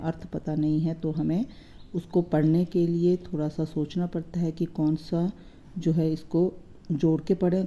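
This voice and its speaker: A woman's voice: deep voice, mellow. A woman teaching a lesson, explaining word meanings patiently and asking and answering her own questions. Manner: patient, repeats words slowly, asks and answers own questions. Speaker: Hindi teacher.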